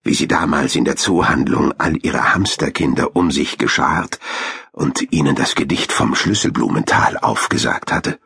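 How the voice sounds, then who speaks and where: A man narrating a children's storybook in a lively, expressive way. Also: very deep voice, normal speed, vocal fry, breathy edge, no echo, clean studio sound. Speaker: audiobook narrator.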